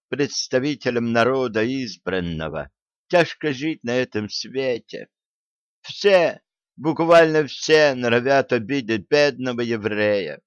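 A man's voice: mid-range voice, fairly bright tone, smooth, dry recording. A man voicing a panicky old male treasurer who wails and pleads. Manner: wailing, pleading. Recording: dull lo-fi dry recording.

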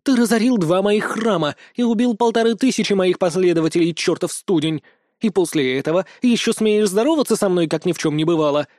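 A man's voice: high voice, quick pace, darkish tone, dry recording, studio quality, voice pushed up, natural voice. A man doing a fierce she-wolf goddess. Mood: furious.

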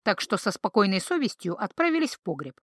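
A woman narrating a fantasy audiobook in an even, clear storytelling manner. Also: mid-range voice, brisk, no echo, clean studio sound. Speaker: audiobook reader. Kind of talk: scripted narration.

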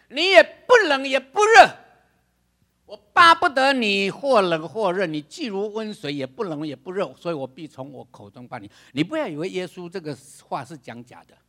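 This older man is a pastor giving a sermon in a high voice. He's dramatic, voicing other characters, laughing, and raising his voice to a shout for emphasis.

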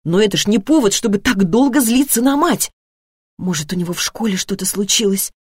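A woman reading a novel aloud as narrator, with expressive storytelling that shifts tone with the scene. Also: medium pitch, a little fast, breathy edge, no echo, clean studio sound. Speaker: audiobook narrator. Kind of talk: scripted narration.

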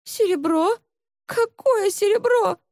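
A terrified young palace maidservant begs for her life, tearful and pleading, her voice lifted high and strained. A woman reading the story does this voice. The delivery is close and dry, with no room around it. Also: slow pace, a little mellow, no room sound, heavily acted. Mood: frightened pleading.

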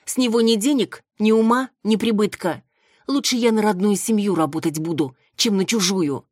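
A woman voicing a defiant, sharp-tongued young village woman who scorns an arranged match. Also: medium pitch, moderate pace, dry recording, studio quality, pitched above the performer's own voice, natural voice. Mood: defiant scornful. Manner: scornful, cutting.

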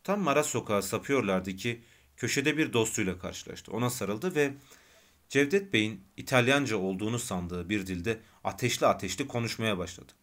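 A man narrates a novel in a calm, measured way. His voice sits low and steady, suited to a long audiobook reading. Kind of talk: scripted narration.

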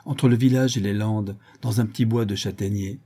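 A man's voice: lowish voice, fairly even intonation, normal speed, mellow, breathy edge. A man voicing a blunt, uneasy henchman in an audiobook.

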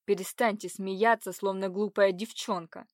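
A woman's voice: expressive, dry recording, studio quality, natural voice. A woman voicing a cold brooding young man. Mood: cold, stern. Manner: slow, low and cold. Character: stern possessive young man, brooding forest dweller.

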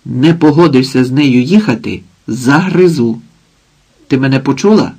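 Man playing a crude drunken mother, loud and scolding, gravelly, husky, storybook reading. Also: mid-range voice, normal speed. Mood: scolding, coarse. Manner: crude, nagging, threatening. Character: coarse drunken village mother, bossy and scolding.

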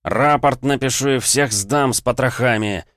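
A man's voice: mid-range voice, normal speed, smooth, no echo, studio quality, pitched above the performer's own voice, close to an everyday voice. A man voicing a hot-tempered young male cadet who snaps and hisses his words. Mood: angry. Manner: snapping, hissing.

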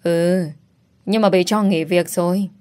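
A female reader voices a brash, foul-mouthed young woman in an audio storybook, one who bosses her friend around yet still cares about her. The character speaks loudly and bluntly, teasing as she goes, in a bossy mood. The reader's natural voice is lowish, with a steady tone and measured pace.

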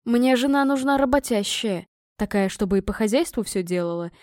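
A woman voicing a crude, grubby male vagabond suitor in a low, whining, boorish voice. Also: expressive, fairly quick, darkish tone, no room sound, studio quality, close to an everyday voice. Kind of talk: audiobook reading.

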